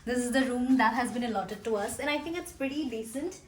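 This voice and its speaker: A woman's voice: fairly high pitch, fairly quick, rough recording. A young woman with an Indian accent narrating a casual travel vlog in a chatty, joking way. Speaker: travel vlogger.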